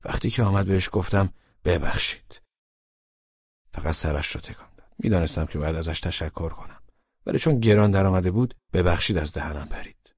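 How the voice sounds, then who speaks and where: A man's voice: low voice, a little mellow, breathy edge, no echo, highs cut off. A man narrating a first-person audiobook in a wry, colloquial storytelling manner.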